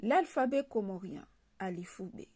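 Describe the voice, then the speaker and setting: A woman's voice: medium pitch, lively intonation, moderate pace, loud music behind the voice. A woman teaching a language lesson, explaining letters patiently and repeating each example word. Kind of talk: slow spoken alphabet lesson.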